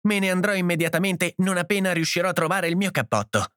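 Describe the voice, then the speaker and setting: A man voicing a distraught young mother, pitching his voice high and letting it break as she sobs. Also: very animated, moderate pace, no echo, clean studio sound. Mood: tearful.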